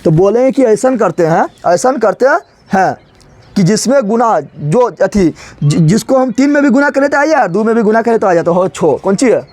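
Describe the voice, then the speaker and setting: A man's voice: high-pitched, lively intonation, normal speed, a little mellow. A male teacher teaching a chemistry lesson playfully, often asking a question and answering it himself.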